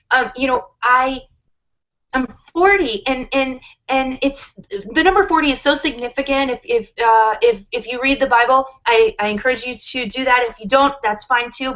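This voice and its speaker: A woman's voice: fairly high pitch, a bit bright. A woman in her forties, a guest on a casual livestream, talking earnestly and rambling with many restarts. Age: 40s. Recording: dull lo-fi livestream audio.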